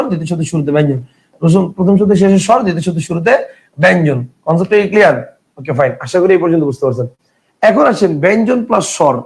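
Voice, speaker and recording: A man teaching an exam-prep grammar lesson. He repeats each point several times and asks quick check questions. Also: on the high side, gravelly, a little mellow. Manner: mixes English words into his speech.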